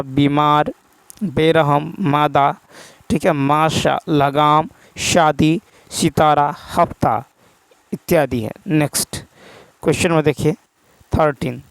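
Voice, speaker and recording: Gravelly-voiced man teaching. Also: fairly high pitch, no room sound, poor audio. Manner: repeats key terms and asks himself the answer; reads English questions slowly, word by word. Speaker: exam prep teacher. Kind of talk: explaining a practice test answer by answer.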